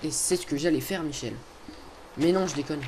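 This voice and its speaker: Chatty young man with slightly high voice. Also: fairly quick. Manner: chatty, hesitant, full of fillers. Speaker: video host. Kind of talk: casual gameplay commentary. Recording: faint background noise.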